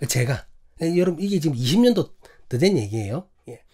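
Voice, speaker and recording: A man's voice: on the high side, a little fast. A male pastor with a Gyeongsang accent, telling a personal story in a sermon, acting out quotes and asking the congregation questions. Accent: Gyeongsang Korean. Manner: animated, acts out quotes, asks the congregation questions.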